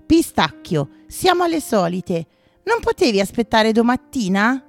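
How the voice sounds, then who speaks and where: A woman voicing a sleepy, fretful female skunk in a children's storybook, with a high, fussy manner. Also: big pitch swings, unhurried, soft background music.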